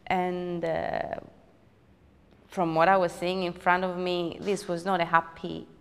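A woman's voice: on the low side, flat delivery, slow, vocal fry, clear, resonant tone. A woman telling a personal story in a documentary interview, reflective and hesitant, often restarting her sentences. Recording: long hall reverb.

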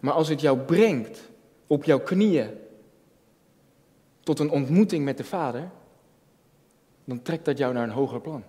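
This junior pastor, a man in his early thirties, talks unhurriedly and pauses often, his voice fairly high and mellow. His sermon is personal and earnest, built on repetition and rhetorical questions. He stands at a lectern on a church stage, filmed from a distance, and the hall echoes with long reverb.

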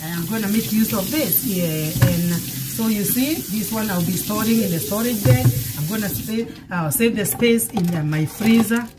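A middle-aged woman pastor hosts a cooking show from her home kitchen, talking through a casual demonstration that drifts into preaching. Her mid-range voice moves at a moderate pace, encouraging and often repeating phrases for emphasis, with background noise present.

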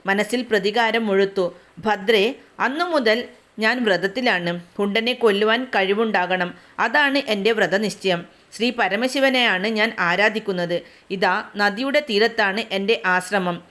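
A woman's voice: mid-range voice, normal speed, fairly bright tone, lightly acted. Woman reading as a grieving widow who is a disguised demon. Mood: mournful.

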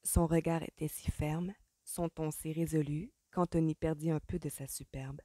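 A woman narrating an audiobook in a measured, expressive way. Her voice sits a little low and sounds mellow. The recording is dry and close to the mic. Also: no room sound. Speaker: audiobook reader. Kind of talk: scripted narration.

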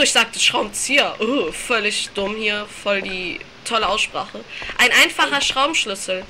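A woman's voice: a little high, pushed and bright, slight background noise. A woman giving casual, chatty gameplay commentary, reading game text aloud, giggling and swearing playfully. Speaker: let's play commentator.

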